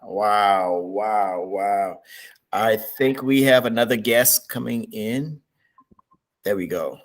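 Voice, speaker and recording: A man hosting an online interview on a video call, measured and encouraging, often repeating his words. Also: lowish voice. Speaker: host.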